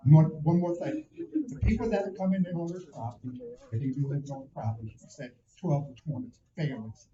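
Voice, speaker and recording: A man's voice: on the high side, fairly quick, mellow. A man from the audience asking plain, direct questions at a community meeting. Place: meeting hall. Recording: echoey muffled hall sound.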